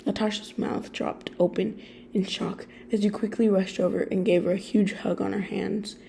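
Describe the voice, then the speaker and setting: Soft, gravelly young woman reading a story. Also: mid-range voice, level tone, moderate pace, slight background noise. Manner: soft-spoken, rambling when talking off script. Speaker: story reader. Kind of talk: fan fiction reading. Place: friend's office.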